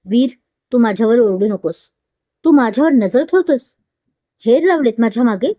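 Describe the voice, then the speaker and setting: A woman's voice: fairly high pitch, animated, normal speed, dark tone, dry recording, studio quality. A woman voicing a hurt, defiant young woman who speaks emotionally and pleadingly.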